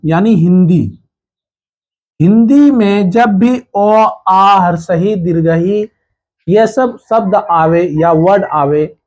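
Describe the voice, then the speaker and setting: A man's voice: sits high, a little mellow. A man teaching a grammar lesson to children, asking them questions and answering them himself, repeating the key words again and again.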